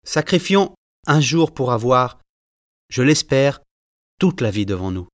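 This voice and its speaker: A man's voice: medium pitch, big pitch swings, a little slow, no room sound, clean studio sound. A man reading a classic novel aloud and voicing a passionate, proud young man with an earnest, heartfelt delivery. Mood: resolute.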